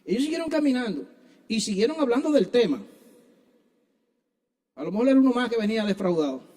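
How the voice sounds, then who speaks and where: High-voiced preacher, mellow tone. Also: male voice, big pitch swings, brisk. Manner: earnest preaching, addresses listeners as brother. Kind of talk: sermon. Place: church.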